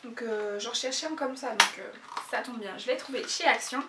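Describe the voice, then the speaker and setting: A YouTuber chats casually through a haul video, often hesitating with fillers. Her voice is fairly high and fairly quick, captured by a distant mic in an echoey room with heavy background noise.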